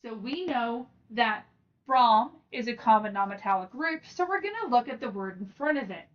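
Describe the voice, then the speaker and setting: A teacher who hosts her own channel guides learners step by step through a lesson in a fairly high, animated voice at normal speed. She sounds informal and encouraging, speaking directly to the listener, though the recording is a little dull since she's some distance from the mic.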